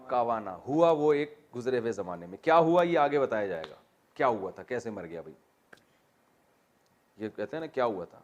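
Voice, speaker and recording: A man's voice: mid-range voice, very animated, highs cut off. A man teaching a Quran exegesis class, explaining Arabic grammar and putting questions to his students with joking asides.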